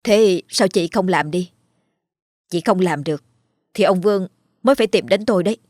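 A woman's voice: lowish voice, normal speed, no echo, clean studio sound, natural voice. A woman playing a firm young second wife. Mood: cold. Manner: calm but firm, cutting.

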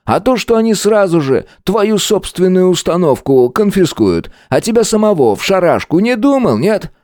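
A man's voice: high-pitched, sing-song, normal speed, darkish tone, no echo, clean studio sound, pitched above the performer's own voice. A man voicing a mocking old professor and former officer in an audiobook. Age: older. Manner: mocking and teasing.

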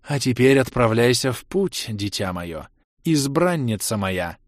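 A menacing undead woman of ice and blood, voiced by a male audiobook narrator. Her voice scrapes and grates, and she lingers over every word in slow proclamations. The recording is dry and close. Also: mid-range voice, sing-song, dry recording. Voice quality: grating, scraping. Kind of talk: audiobook character reading.

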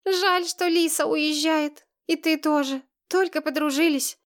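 A woman voicing an excitable little schoolgirl who squeals and gushes, in a storybook reading. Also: slow, heavily acted. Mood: tearful. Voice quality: squealing, shrill.

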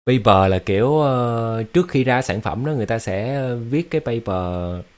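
A man's voice: mid-range voice, expressive, moderate pace. A man hosting a casual livestream, talking to his viewers in an explanatory way, with lots of fillers and repeated words. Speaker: livestream host.

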